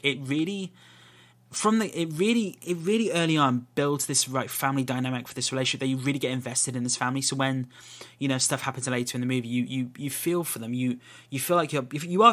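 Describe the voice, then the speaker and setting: A man's voice: medium pitch, bright, forceful tone. A man hosting a podcast, giving a solo film review in loose, rambling talk that often restarts its sentences. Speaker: podcast host.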